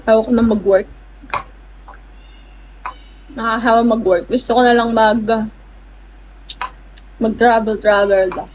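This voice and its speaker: A woman with a slightly high voice hosts a casual livestream, speaking slowly with frequent pauses and a playful, teasing manner as she greets viewers by name and chats with them. The low-quality recording carries steady background noise.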